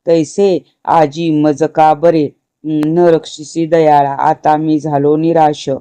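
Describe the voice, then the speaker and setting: A man reciting the lament of a personified month that pleads with a god, in slow, chanted devotional verse. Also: on the high side, flat delivery, warm tone, smooth, no echo. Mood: pleading, grieving.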